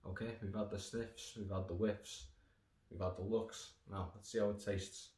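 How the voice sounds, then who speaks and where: A man from the United Kingdom gives a casual snack review, rambling, sarcastic, sweary and prone to digressions. His fairly low, slightly mellow voice has a flat delivery at a moderate pace, recorded in an echoey room with faint noise.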